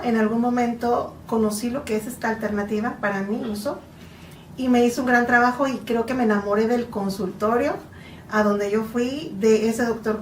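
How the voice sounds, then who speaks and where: A woman in her forties from Mexico, a psychotherapist guest giving earnest, explanatory interview answers. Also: a little high. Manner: earnest, explanatory, slow in places. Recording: echoey room, distant from mic, faint noise.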